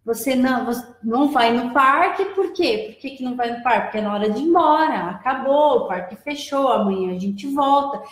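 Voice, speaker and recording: Woman guest, high voice, explains and repeats key points, roomy echo. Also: lively intonation, brisk, hardly any pauses. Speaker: guest, preschool operations director. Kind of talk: live advice chat. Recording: echoey room.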